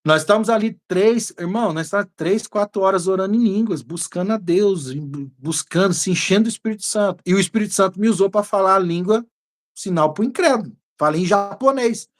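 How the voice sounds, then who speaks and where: A man with a Brazilian Portuguese accent, a pastor preaching a teaching sermon and telling a personal story in a lively way. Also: high-pitched, a little fast. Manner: lively storytelling, bursts into praying in tongues.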